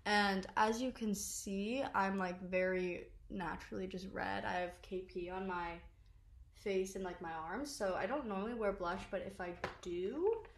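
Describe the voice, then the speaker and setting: Talking to the camera from a small indoor bedroom, a young woman who makes social media content chats loosely about the makeup she loves, peppering it with "like" and jokes at her own expense. Her medium-pitched voice moves a little slowly, with a roomy sound.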